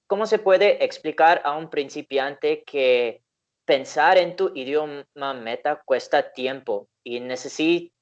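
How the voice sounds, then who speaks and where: Slow-talking man with an Indian accent. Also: mid-range voice, dull audio. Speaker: interviewer, channel host. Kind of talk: casual interview over a call.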